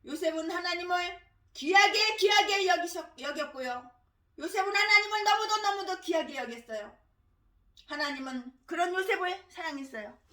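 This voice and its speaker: A woman pastor preaching a sermon, stressing her points by repeating words and phrases and breaking into harsh shouted tirades. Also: very high voice, moderate pace, reverberant. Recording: voice distant from the mic.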